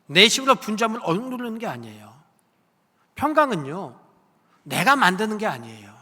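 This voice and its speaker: A man's voice: sits high, sing-song, normal speed, pushed and bright, husky. A male pastor preaching a sermon with emphasis, putting questions to the congregation. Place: church sanctuary. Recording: long church hall reverb.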